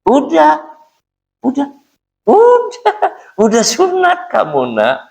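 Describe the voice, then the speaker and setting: A man voicing a gentle mother who soothes her frightened little son with repeated coaxing reassurances. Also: extremely high pitch, sing-song, normal speed, vocal fry, pitched above the performer's own voice, full character voice. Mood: soothing.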